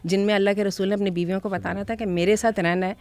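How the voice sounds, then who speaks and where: A woman in a panel discussion giving measured advice and quoting scripture. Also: mid-range voice, steady tone, a little mellow. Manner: measured, quotes scripture while advising. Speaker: panel guest.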